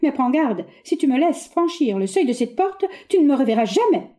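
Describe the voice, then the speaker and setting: A woman's voice: high-pitched, very animated, moderate pace, dark tone, voice pushed up. A woman reading a stage play aloud, voicing a passionate, stubborn young woman who speaks with resolute, theatrical indignation.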